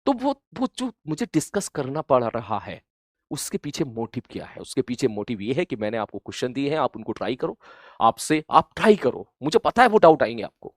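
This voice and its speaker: A male teacher gives students an earnest motivational talk, gently scolding them and repeating each point. His voice sits at an ordinary middle pitch and climbs louder and higher when he pushes them to try. The sound is dry and close to the mic. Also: sing-song, fairly quick, no echo. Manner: earnest, scolding yet gentle, repetitive emphasis; rises loud and high when urging. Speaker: coaching teacher.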